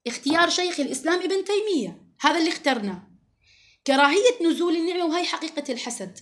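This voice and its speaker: A woman's voice: very high-pitched, expressive, quick pace, a bit bright. A woman giving an earnest, emphatic religious lesson to women, often quoting scripture. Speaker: religious teacher.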